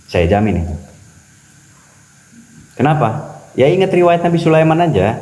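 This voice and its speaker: A man talking as a spiritual teacher on a podcast, animated and preachy, repeating key phrases for emphasis. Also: fairly high pitch, normal speed, poor audio. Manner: acts out quoted voices. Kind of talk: podcast religious talk.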